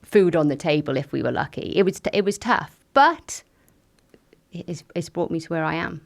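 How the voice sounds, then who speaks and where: Low-voiced woman telling her story. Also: moderate pace, creaky. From Wales. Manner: frank, lively, lots of fillers. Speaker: guest. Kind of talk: candid conversational storytelling.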